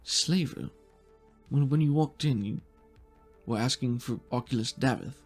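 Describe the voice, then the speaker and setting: Soft background music plays as a game master portrays a male bureaucrat in a tabletop session, polite and precise, his phrases formal, measured and hesitant. The medium-pitched voice is a little mellow, and the tone comes across as apologetic and probing.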